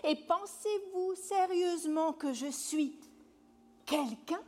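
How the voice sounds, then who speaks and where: A woman playing a teasing, seductive female spirit of chance, a wheel that begs to be spun, in a theatrical stage monologue that swings between loud calls and hushed asides. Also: very high-pitched, slow pace. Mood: teasing, mysterious.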